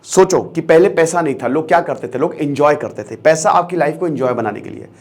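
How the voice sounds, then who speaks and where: A man's voice: a little high, lively intonation, a little fast. A young man giving an emphatic motivational lecture as an online educator, switching between Hindi and English and repeating key phrases for stress.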